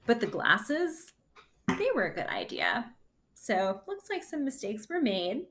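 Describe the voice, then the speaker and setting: With a fairly high-pitched voice, a woman who teaches sixth grade leads a children's read-aloud lesson. She delivers the picture book with careful, gentle expression and mixes in comments of her own.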